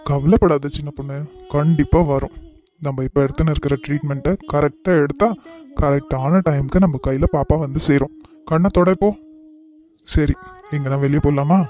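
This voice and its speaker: A man voicing a gentle young husband in a cartoon, tenderly coaxing his crying wife. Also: fairly high pitch, steady tone, normal speed, lightly acted. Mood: comforting.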